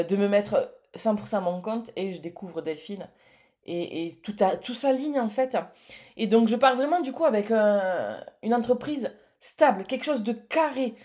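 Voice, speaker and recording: A woman's voice: mid-range voice, normal speed, darkish tone. Chatty, effusive woman in her late thirties. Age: late 30s. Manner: chatty and effusive, many hesitations. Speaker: entrepreneur and vlogger. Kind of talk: casual vlog chat to camera.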